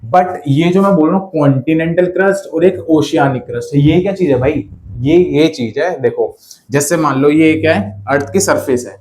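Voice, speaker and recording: Male teacher quizzing his class, a touch high. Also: moderate pace, a little mellow, a little hiss or hum. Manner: quizzes students with constant rhetorical questions; drills terms, has students repeat after him. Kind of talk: whiteboard lesson for exam students.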